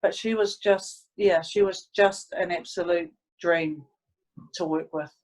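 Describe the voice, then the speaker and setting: A woman's voice: lowish voice, steady tone, measured pace, a little mellow, rough recording. A woman, reflecting earnestly and hesitantly as she tells stories in a casual interview. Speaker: interviewee, sports team staff member.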